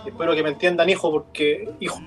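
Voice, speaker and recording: A man's voice: a little high, steady tone, fast talker, natural voice. A man putting on a tearful middle-aged father, pleading and weepy. Faint music plays behind.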